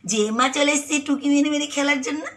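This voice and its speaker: A woman's voice: sits high, a little fast, fairly bright tone. A woman with a Bengali accent chatting casually to viewers in a home vlog, often cooing to a small child as she does chores. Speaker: lifestyle vlogger. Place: home balcony and rooms. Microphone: phone camera.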